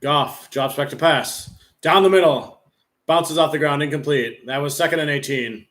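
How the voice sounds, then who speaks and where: A man live streaming a football game, rambling casually with lots of "like" fillers and relaxed play-by-play. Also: a little high, normal speed. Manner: rambling, heavy use of "like" fillers.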